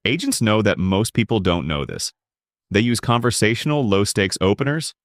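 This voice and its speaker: A man giving scripted narration that explains legal rights in a measured, emphatic way. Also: fairly low pitch, animated, no echo, clean studio sound.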